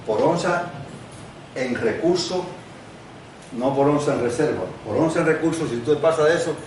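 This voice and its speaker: Older man, guest lecturer, chatty explaining, booming reverberant room, heard from a distance. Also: normal speed, a little mellow. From Cuba. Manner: conversational, explains with examples and asides. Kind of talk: university lecture. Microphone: no microphone, distant recording. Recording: very echoey room, distant mic, faint noise.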